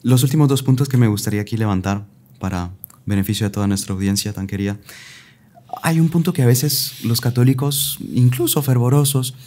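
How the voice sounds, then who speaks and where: Friendly podcast host with mellow voice. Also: male voice, medium pitch, fairly quick. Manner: friendly, posing questions, light laughter between phrases. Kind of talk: podcast interview.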